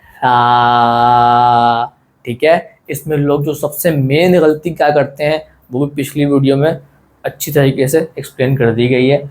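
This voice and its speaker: A man's voice: a little high, steady tone, moderate pace, darkish tone. Friendly man teaching a casual lesson. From South Asia. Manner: friendly, repeats points, asks and answers his own questions. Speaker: Quran teacher.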